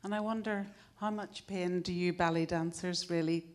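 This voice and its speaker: An Irish-accented woman with a slightly low voice puts a question to the panel. She phrases it carefully and deliberately, like an audience member speaking up. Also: steady tone. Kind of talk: asking a question.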